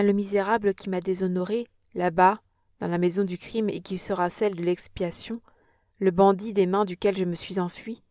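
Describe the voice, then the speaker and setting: A woman's voice: mid-range voice, darkish tone, no room sound, studio quality, lightly acted. A woman reading an audiobook and voicing an impassioned young Parisian woman with an earnest, dramatic manner.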